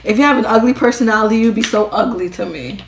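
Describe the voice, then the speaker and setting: A woman's voice: fairly high pitch, fast. A young woman chatting candidly and casually in a vlog. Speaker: vlogger. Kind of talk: casual chat. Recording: roomy echo with crowd noise.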